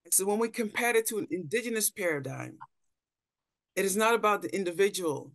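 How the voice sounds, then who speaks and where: With lively intonation and a slightly fast pace, her mid-range voice comes across in studio quality with no room sound. She is a middle-aged Dutch anthropologist, a panelist presenting a thoughtful slide talk via video call from an indoor room, often repeating words as she hunts for phrasing.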